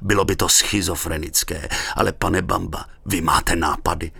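A man's voice: low-pitched, fairly even intonation, creaky, sharp tone, husky, heavily acted. A man voicing a big, eccentric surrealist poet who talks in a pompous, declaiming way.

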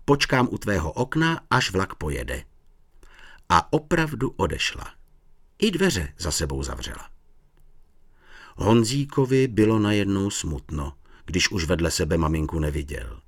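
Deep-voiced man reading a children's story. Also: slightly rough, dry recording, clean studio sound. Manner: expressive reading aloud. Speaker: narrator. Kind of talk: storybook narration.

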